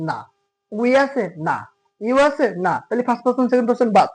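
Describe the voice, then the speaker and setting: A very high-pitched yet darkish voice belongs to an English tutor who talks animatedly and fairly quickly. He has a Khulna Bengali accent and leads a classroom grammar lesson in Bengali, explaining patiently and asking rhetorical questions, all recorded with a tinny, phone-like sound.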